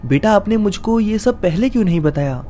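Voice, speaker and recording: A man's voice: sits high, lively intonation, a little fast, warm tone, voice pushed up. A man voicing a grieving well-off mother who speaks tenderly and pleadingly to her dead son's spirit.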